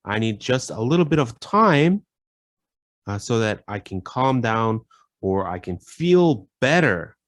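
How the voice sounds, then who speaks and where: A man teaching a casual English vocabulary lesson, repeating phrases and filling pauses with "you know". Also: medium pitch, sing-song, dry recording.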